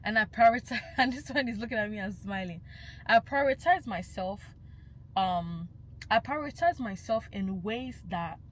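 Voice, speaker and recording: A slight hiss or hum and rough recording quality surround this young woman's medium-pitched voice. She is a vlogger whose first language is Yoruba, speaking a casual monologue with passion and emphasis while slipping into Yoruba phrases.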